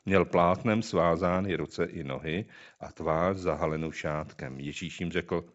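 A man's voice: sits low, muffled recording. A man reading a scripture passage aloud and then preaching on it, drawing listeners in with rhetorical questions.

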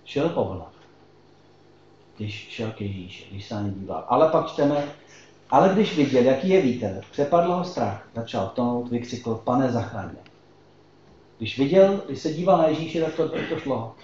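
A man's voice: medium pitch, animated, warm tone, slight background noise. A man preaching a sermon in a conversational way, asking the congregation questions. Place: church hall. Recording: echoey hall, slightly dull sound.

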